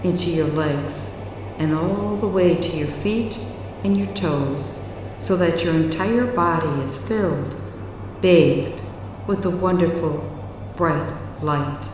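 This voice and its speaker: A woman narrating a guided relaxation meditation in a soothing, measured way with long pauses, recorded with heavy reverb. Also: lowish voice, noisy background. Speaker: hypnotherapy guide. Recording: very echoey, long reverb, distant. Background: music.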